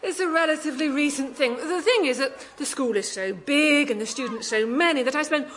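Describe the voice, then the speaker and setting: A flustered woman head teacher in a sitcom. Her high voice is polite and hesitant, apt to get too loud, with faint noise behind it. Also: a little fast. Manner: hesitant, polite, prone to raised voice. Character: flustered, apologetic head teacher who shouts unawares. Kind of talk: sitcom-style comedy dialogue.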